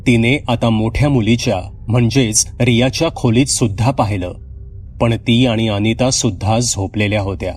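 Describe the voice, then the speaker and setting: A man telling a horror story in a measured, suspenseful scripted narration. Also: lowish voice, a little mellow.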